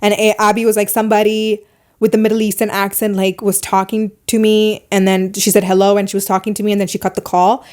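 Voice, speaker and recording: This podcast host is a foreign-accented woman whose pitch sits in the middle. Her casual chat runs through her opinions, lively and quick in spurts.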